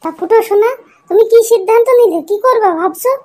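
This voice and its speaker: Figure: woman voicing a coaxing village sister-in-law. Pitch: very high. Pace: fast. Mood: doting. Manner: coaxing, doting. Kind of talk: cartoon voice acting.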